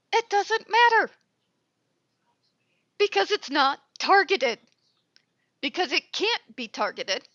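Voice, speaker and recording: Speaking through a headset in a high, bright, strained voice, she hosts her commentary channel with a stuffy nose, ranting bluntly, exasperated and cursing freely. There's no room sound, and the audio comes across muffled.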